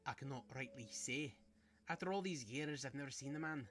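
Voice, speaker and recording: Man doing a Scottish asylum worker, put-on brogue, lowered voice, slow and confiding, video game. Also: a bit bright, soft background music, natural voice.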